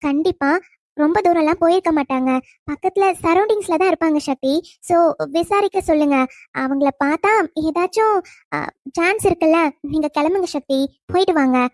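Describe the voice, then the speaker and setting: A woman voicing a gentle, cheerful young wife who reassures her worried police husband and teases him lightly. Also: very high voice, brisk, dry recording, clean studio sound. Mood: calm. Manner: gentle, soothing, teasing. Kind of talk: cartoon storytelling narration.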